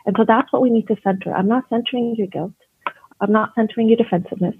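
A Canadian educator, appearing as a guest in a conversational interview, discusses her work earnestly and thoughtfully, frequently restarting sentences. Her husky, a little high voice moves fast over a thin, phone-like line with dry sound and no room echo.

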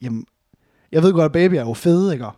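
Boisterous man, slightly high voice, dry sound. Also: animated, mellow, no room sound. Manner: boisterous, crude joking, laughs often. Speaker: podcast host. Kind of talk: casual podcast banter.

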